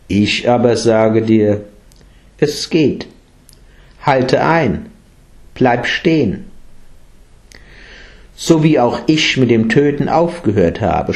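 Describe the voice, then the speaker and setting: A man voicing a calm, serene male monk teacher who speaks firmly and gently. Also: on the low side. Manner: calm and firm.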